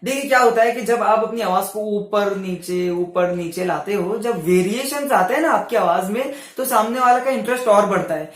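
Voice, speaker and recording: A young man talks to camera like a motivational vlogger. His voice sits high and keeps rising and falling between loud and soft. The room around him rings with echo. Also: normal speed, few pauses. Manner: animated, swings voice loud and soft on purpose. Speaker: vlogger giving self-help tips. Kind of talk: casual motivational talk to camera.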